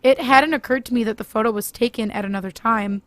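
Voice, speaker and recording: Casting: female horror narrator, fairly high voice, dry close sound. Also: fast, fairly bright tone, no room sound.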